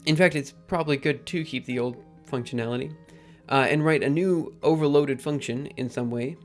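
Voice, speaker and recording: A man hosting a live coding stream, thinking aloud in a halting, casual way with many ums. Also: on the high side, soft background music. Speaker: livestream host.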